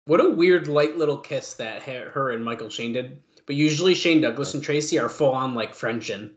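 A man's voice: mid-range voice, moderate pace. A man co-hosting a podcast, chatting and commenting on a wrestling match in a casual, conversational way. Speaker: podcast co-host watching wrestling. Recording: dull lo-fi sound.

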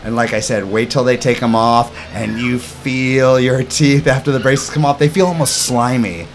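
A man's voice: medium pitch, steady tone, normal speed, a little hiss or hum. A man hosting a podcast in an informal, chatty, upbeat way, casually interviewing children. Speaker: podcast host, summer camp owner.

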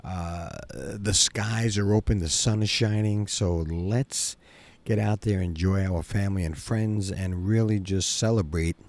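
Gravelly middle-aged man, lowish pitch, casual podcast host, rambling, talking directly to listeners. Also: fairly even intonation, a little slow, darkish tone. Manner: rambling and conversational, with repeated asides to listeners. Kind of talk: casual solo podcast chat. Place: outdoors in a quiet home backyard.

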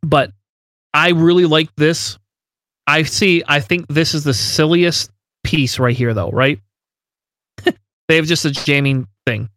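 A man's voice: on the high side, slow, pauses often, fairly bright tone, dry recording, clean studio sound. A man co-hosting a casual tabletop game podcast, talking emphatically with frequent incredulous laughs. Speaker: podcast co-host.

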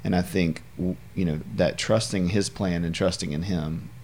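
A man's voice: low voice, fairly even intonation, moderate pace, darkish tone, a little hiss or hum. A man co-hosting a podcast, speaking in an encouraging, reflective way with faith-centered remarks. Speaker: podcast co-host, counselor's supervisor. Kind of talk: casual podcast conversation.

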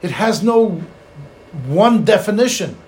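Rabbi guy preaching torah, pretty high voice, keeps repeating himself, roomy echo. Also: lively intonation, slow pace, darkish tone. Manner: emphatic, repeats phrases, rhetorical questions. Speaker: rabbi giving a Torah lecture. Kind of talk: sermon, Torah lecture with storytelling. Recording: echoey room, faint background noise.

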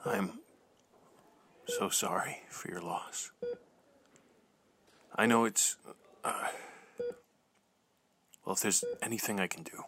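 A guilt-ridden, hushed father. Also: sits low, steady tone, gravelly, background noise. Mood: remorseful, hushed. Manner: hushed, halting, apologetic. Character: remorseful adult father, guilt-ridden and gentle. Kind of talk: audio drama acting. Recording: music bed underneath.

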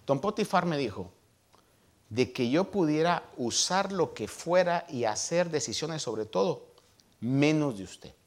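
A man voicing a calm, upright young male servant who refuses firmly and politely. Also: on the high side, measured pace.

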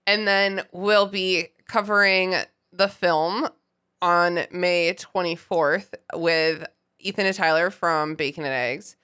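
A woman's voice: fairly low pitch, steady tone, slow, sharp tone, clean tone. A woman hosting a podcast in casual chat, laughing often and swearing freely. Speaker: podcast host.

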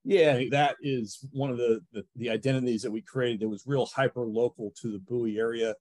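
A man's voice: mid-range voice, steady tone, brisk, a little mellow, no echo. A man with an American accent answering conversationally as a baseball team representative in an interview.

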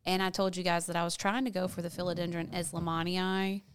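A woman's voice: on the low side, little pitch movement, fast talker, slight background noise. A woman chatting casually to viewers like a video blogger telling a story, gossipy and candid, stressing points by repeating words.

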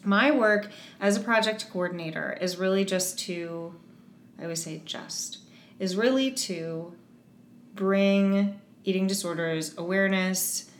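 A woman's voice: mid-range voice, unhurried, roomy sound, a little hiss or hum. A woman speaking as an interview guest, earnest and encouraging, often restarting her sentences as she talks about her advocacy work. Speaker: guest, eating disorder advocate. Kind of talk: casual interview conversation.

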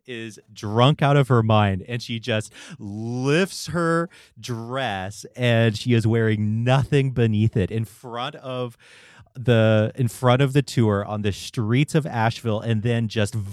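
A man's voice: on the low side, smooth, dry recording, clean studio sound. A man hosting a podcast, chatting casually and telling stories with the odd swear word. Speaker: podcast host. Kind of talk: casual interview chat.

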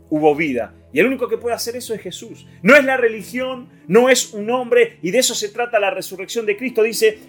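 A man with a Rioplatense Spanish accent preaching an Easter sermon, swinging from loud declarations to hushed lines. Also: sits high, husky. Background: soft guitar music.

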